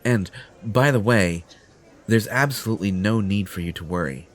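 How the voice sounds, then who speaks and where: Speaking to the listener in an audio roleplay, a man voices a superhero who is smug, possessive and entitled, coaxing in mood and pompous, self-satisfied and condescending in manner. His lowish voice moves at a moderate pace and stays close to how he'd normally talk.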